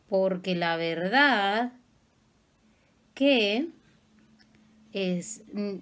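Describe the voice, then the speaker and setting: A woman, a makeup artist giving a patient, affectionate step-by-step makeup tutorial. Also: on the high side.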